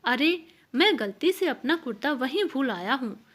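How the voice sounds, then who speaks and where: A woman voicing a suspicious, quick-tempered husband in a folk tale, speaking in an accusing, scolding way. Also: sits high, animated, a bit bright, exaggerated voice. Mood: stern. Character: suspicious, angry village husband.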